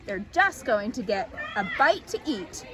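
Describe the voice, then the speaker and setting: A woman voicing a fussy, bossy male rabbit in a children's story, brisk and exclamatory. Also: on the high side, sing-song, a crowd in the background, pitched below the performer's own voice. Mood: grumbling. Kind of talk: children's storybook character reading.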